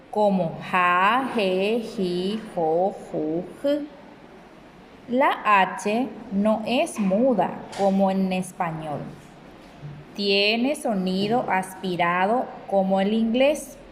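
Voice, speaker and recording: A woman teacher, speaking slowly and deliberately to children in a recorded lesson, spelling out syllables one by one. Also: mid-range voice, a little hiss or hum, low-quality recording. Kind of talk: slow recorded remote lesson.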